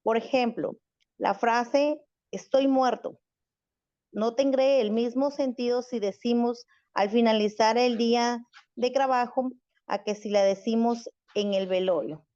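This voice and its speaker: A woman with a fairly high but mellow, dark-toned voice reads a definition aloud carefully and asks her teacher about it. The sound is dull and lo-fi, with no room echo at all. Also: steady tone, measured pace. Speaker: student in the class. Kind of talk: reading a definition aloud, then asking the teacher a question.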